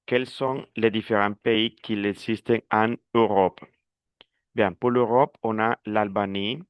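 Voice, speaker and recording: A man teaching a lesson, saying each word slowly and deliberately for the listener to repeat. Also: on the low side, fairly even intonation, clean tone, no room sound, muffled recording. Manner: slow, deliberate, word-by-word repetition. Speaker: French teacher. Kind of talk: pronunciation drill lesson.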